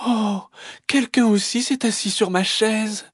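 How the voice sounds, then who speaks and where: A kind, soft-voiced mother bear, as a man puts her on for a storybook, her voice raised higher and breathy. The sound is dry and close. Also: steady tone, slow, no room sound, heavily acted. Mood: gentle, surprised. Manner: soft, sweet.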